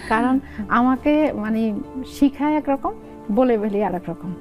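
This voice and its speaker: A woman's voice: high voice, takes it slowly, faint music behind. A woman in her forties with a Noakhali Bengali accent, chatting casually as an interview guest and acting out family talk in dialect. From Noakhali region, Bangladesh. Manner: animated, acts out family dialogues in dialect. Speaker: content creator guest.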